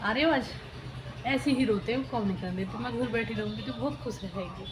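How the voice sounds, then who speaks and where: Fairly quick and with background noise behind her, a woman vlogs casually about family life from her kitchen and living room. Between chatty remarks to viewers, she coos at her baby in a high sing-song.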